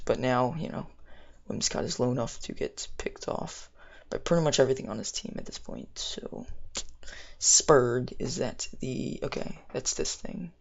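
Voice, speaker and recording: A young man talks through his game in a loose, slangy ramble. His mid-pitched voice crackles with vocal fry and his speech is slightly impeded. The recording is muffled and lo-fi, with keys clicking as he plays. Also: a little mellow. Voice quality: slightly impeded speech from orthodontic appliance in mouth. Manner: rambling, thinking aloud, slangy. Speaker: gamer narrating own battle. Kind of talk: casual live game commentary.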